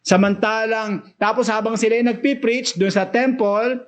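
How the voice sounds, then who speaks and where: A man's voice: sits high, fairly even intonation, normal speed. A man with a Filipino accent preaching a Bible study sermon, switching between Tagalog and English, reading verses aloud and then explaining them with rising, emphatic bursts.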